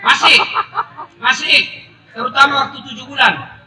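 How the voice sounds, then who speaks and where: A middle-aged Islamic preacher delivers a humorous sermon to a live audience at a public gathering, joking, animated, and bursting into shouts. His voice is very high and moves at a moderate pace. The echoey, distant recording picks up crowd noise, audience laughter, and ambient sound.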